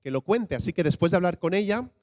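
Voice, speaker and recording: A man's voice: high-pitched, expressive, quick pace, a little mellow. A man acting as pastor, introducing a testimony during a church service in a plain manner with small fillers. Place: church hall. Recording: dry close mic with hall reverb.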